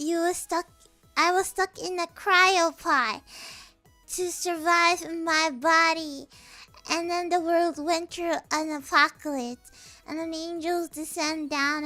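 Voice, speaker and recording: A woman with a squeaky, pinched voice chatting casually and playfully to livestream viewers in a theatrical way. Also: pushed and bright. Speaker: streamer greeting viewers.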